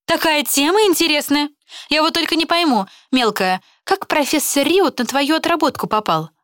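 Brief: a woman playing a smug, teasing girl student, higher voice, drawling mockery, dry close sound. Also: normal speed, a bit bright, no echo.

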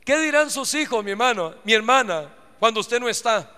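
A man's voice: very high voice, expressive, moderate pace, pushed and bright, smooth. A man with a Costa Rican accent preaching fervently to his congregation in a live church sermon, often calling out to the listeners. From Costa Rica. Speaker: pastor. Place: church sanctuary. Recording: reverberant church hall.

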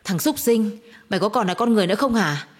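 A woman voicing an outraged young woman who shouts in quick, angry bursts, in a storybook reading. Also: mid-range voice, expressive, natural voice. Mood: furious. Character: furious, loyal young woman friend.

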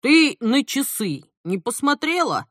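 A woman voicing a weary, stern male police major who talks in a gruff, official way. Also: high voice, sing-song, measured pace, no echo, clean studio sound, heavily acted.

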